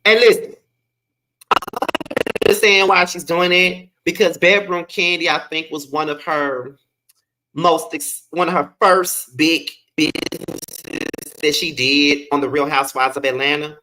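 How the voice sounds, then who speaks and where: Bright-voiced man with a noticeable lisp. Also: on the high side, steady tone, a little slow, poor audio. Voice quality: lisp, slushy sibilants. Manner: sassy, slangy, emphatic with swearing. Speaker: reality TV review host. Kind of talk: casual live commentary, chatty.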